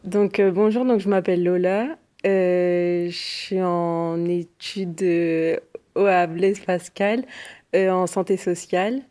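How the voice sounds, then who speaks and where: A young woman, a student, introducing herself with pauses. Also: fairly low pitch, fairly even intonation, mellow.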